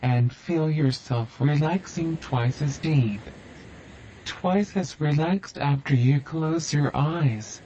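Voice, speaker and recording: A man guiding a listener through a hypnosis induction with slow, soothing, repetitive suggestions. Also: a little high, warm tone, lo-fi sound, slight background noise.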